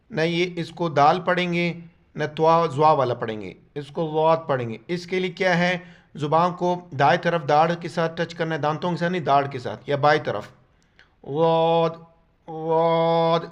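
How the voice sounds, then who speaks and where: A man teaching a step-by-step Quran reading lesson, explaining quickly and then spelling out syllables slowly and more loudly. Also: fairly high pitch. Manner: fast explanations between slow, drawn-out, louder spelled-out syllables; speaks to viewers and children as a patient teacher. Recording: dull, muffled lo-fi sound.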